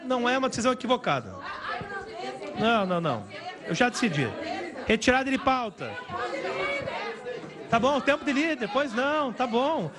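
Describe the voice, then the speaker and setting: A man chairing a heated parliamentary session, exasperated and talking over shouting. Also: very high voice, expressive, normal speed, pauses often. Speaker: committee chair. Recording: loud crowd noise in a chamber.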